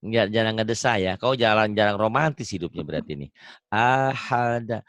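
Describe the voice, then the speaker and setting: A man's voice: lowish voice, expressive, quick pace, a bit bright, no echo. A man teaching Quran reading in a one-on-one online lesson, patient and joking, mixing drills with anecdotes. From Indonesia.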